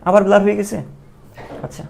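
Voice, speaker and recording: Gravelly male teacher quizzing his class. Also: sits high, flat delivery, fast, darkish tone, a little hiss or hum. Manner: chatty, asks questions and answers them himself. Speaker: biology teacher. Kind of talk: live online class lecture.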